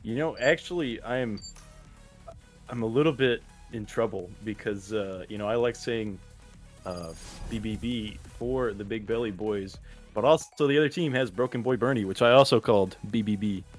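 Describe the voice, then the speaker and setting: A man's voice: on the low side, normal speed, faint music behind. A man co-casting an amateur game tournament, running a chat poll with dry jokes and calling the play. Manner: dry joking, play-by-play calls. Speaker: co-caster. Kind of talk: casual esports commentary.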